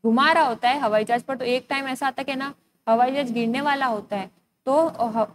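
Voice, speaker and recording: A woman's voice: high voice, fairly quick, background noise. A young woman teacher with an Indian accent, reading a school story aloud and explaining each hard word to young children. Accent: Indian Hindi.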